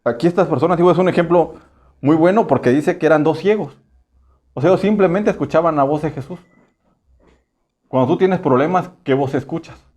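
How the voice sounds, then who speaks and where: A man with a Mexican Spanish accent preaching a casual, conversational sermon. He keeps asking the congregation rhetorical questions and slips into quick acted voices. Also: fairly high pitch, darkish tone. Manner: acts out short voices for humor.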